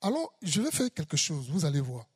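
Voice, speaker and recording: A preacher giving a sermon, slow and emphatic, repeating key phrases for weight. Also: mid-range voice, very animated, husky.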